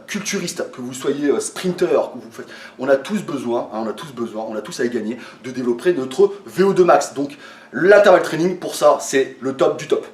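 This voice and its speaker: A man explaining a training method to his viewers in a casual way, with lots of fillers and restarts, a little tired. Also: fairly high pitch. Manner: hesitant, many fillers and restarts, addresses viewers as friends. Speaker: fitness coach. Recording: echoey room, from a distance.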